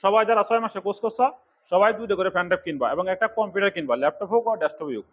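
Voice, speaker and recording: A middle-aged man from Bangladesh lectures his computer class at a rapid clip, his voice sitting fairly high. He scolds and urges the students in turn. The recording is dull and lo-fi. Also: fairly bright tone. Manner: fast, scolding and exhorting. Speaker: computer course instructor.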